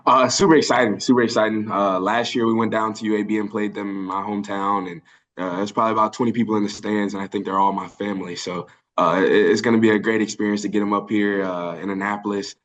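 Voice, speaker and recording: A man's voice: on the low side, fairly even intonation, quick pace, a bit bright. A young man in his early twenties from Birmingham, Alabama, answering press questions over a video call in an earnest way, with many fillers and restarts. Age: early 20s. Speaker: college football linebacker.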